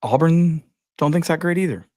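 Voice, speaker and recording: A man's voice: a little high, normal speed, darkish tone, no echo, studio quality. A man co-hosting a podcast, chatting casually about college football in a blunt, joking way. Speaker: podcast co-host. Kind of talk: casual sports chat.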